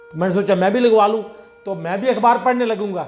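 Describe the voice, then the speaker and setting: With a high, darkish voice and a quick pace, a satsang preacher tells everyday parables in a devotional sermon. He keeps it conversational, acting out each exchange in his own voice, while soft music plays underneath.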